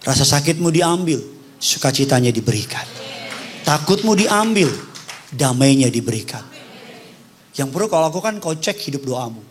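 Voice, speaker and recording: A man's voice: on the high side, big pitch swings, moderate pace, pauses often, slight background noise. A male pastor preaching an impassioned sermon with call-and-response and humor. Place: church service.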